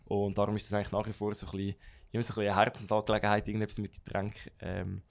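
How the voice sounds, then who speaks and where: Fast-talking young Swiss German man hosting. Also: on the low side, completely flat delivery, creaky. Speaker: podcast host. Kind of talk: casual interview chat.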